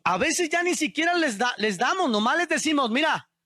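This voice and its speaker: A man's voice: very high-pitched, expressive, fairly quick, pushed and bright, dry recording. A male pastor preaching a sermon and asking the congregation questions. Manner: asks the congregation questions, call-and-response.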